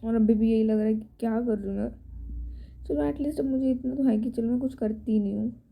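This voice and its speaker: A woman's voice: a little high, brisk, gravelly, narrow, tinny audio. A young woman in her twenties vlogging in a rambling, conversational way. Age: 20s. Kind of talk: casual chatty vlog.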